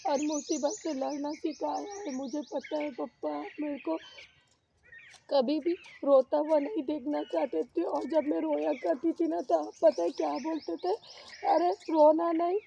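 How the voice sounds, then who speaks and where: A woman's voice: high voice, steady tone, normal speed, vocal fry, dark tone, muffled recording, slight background noise. A woman crying as she talks to her late father at his grave outdoors, pleading with him. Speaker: vlogger. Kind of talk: tearful talk at a father's grave. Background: birdsong.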